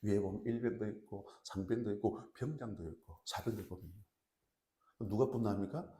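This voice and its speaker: A male pastor preaching a sermon in a church, lively and questioning, playing out angry voices to make his points. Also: on the low side, a little fast. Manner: animated preaching, asks the congregation questions, acts out angry kings and parents. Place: church sanctuary. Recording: roomy church echo.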